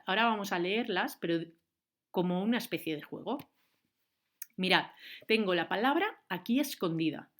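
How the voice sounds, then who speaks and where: A young adult woman with a Valencian accent, teaching a remote lesson to young children in a clear, encouraging way. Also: medium pitch. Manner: slow, clear, encouraging, speaks to kids and switches between Valencian and Spanish. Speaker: primary school teacher.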